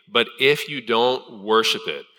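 A man's voice: medium pitch, lively intonation, measured pace, bright, forceful tone. A man voicing a furious ancient king who demands worship and threatens punishment, heard with the long reverb of a church hall. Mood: threatening.

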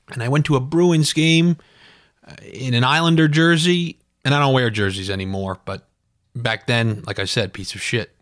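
A man, hosting a comedic podcast monologue. He rants sarcastically, pokes fun at himself and rambles through his stories in an average-pitched voice. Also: fairly bright tone, no echo, studio quality. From New York. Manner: sarcastic, ranting, self-deprecating. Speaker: podcast host.

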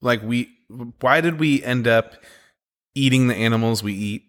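Guy cohosting a chill podcast, animated, does little bits of dialogue. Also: mid-range voice, moderate pace. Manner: animated, acts out quotes in his own voice. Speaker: podcast co-host. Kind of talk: casual chat.

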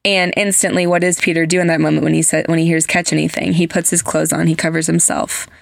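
Woman host, gravelly low-ish voice, dry close sound, chatty and earnest. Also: level tone, fast talker, no room sound. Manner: chatty, heavy use of "like" fillers; earnest, gushing storyteller. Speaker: podcast host. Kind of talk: casual chat.

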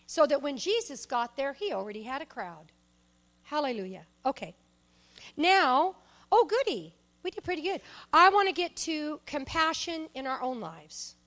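A middle-aged woman delivers a sermon in a high, bright voice. She tells stories with animated energy, jumping from loud exclamations to quiet asides. She laughs often as she preaches.

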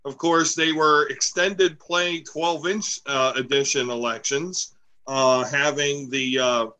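Bright, jokey male podcast host. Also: a little high, fairly even intonation, slow pace, clean tone, poor audio. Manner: jokey, rambling, playful asides. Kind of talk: casual political chat. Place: home, recorded remotely.

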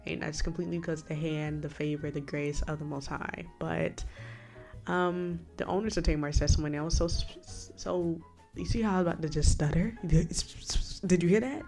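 A woman's voice: low-pitched, steady tone, normal speed, vocal fry, a little mellow, faint music behind. A woman hosting a faith podcast in a casual monologue, chatty and rambling with asides to the listener, with a slight lisp from a new retainer. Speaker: podcast host.

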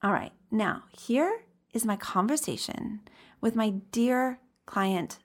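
A woman's voice: a little high, lively intonation, takes it slowly. A woman hosting a podcast as an encouraging, upbeat life coach, chatting directly to her listeners.

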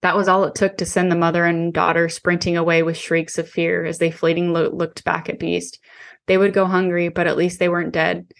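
Woman, author narrating, low pitch, flat delivery, steady measured reading. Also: vocal fry. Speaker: author reading her own novel. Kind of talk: first-person audiobook narration.

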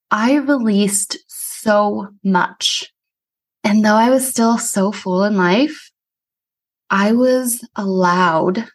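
A woman's voice: medium pitch, husky. An earnest woman hosts her own podcast in a reflective solo talk. She speaks casually and leans on "like" as she works through her thoughts. Her tone stays sincere and personal throughout. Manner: earnest, casual, frequent "like" fillers. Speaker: podcast host; somato-emotional release practitioner.

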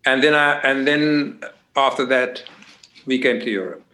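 An older man with a South African accent speaks slowly and deliberately, pausing often and searching for words. He talks as a guest in a relaxed family interview. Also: mid-range voice, low-quality recording. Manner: hesitant, halting with many fillers.

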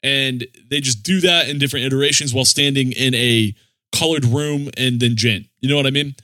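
A man's voice: mid-range voice, a little fast, bright, forceful tone, no echo, clean studio sound. A man chatting casually as a music podcast host in slangy, swearing bro talk. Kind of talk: casual chat.

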